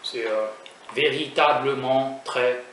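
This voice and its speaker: A man's voice: medium pitch, fairly even intonation, slow pace, fairly bright tone, recorded from a distance. A young man from France chatting casually in a food vlog, hesitant with many fillers and restarts, joking at his own expense. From raised in France. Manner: self-mocking humor. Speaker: food vlogger. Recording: echoey room, voice from off mic, faint noise.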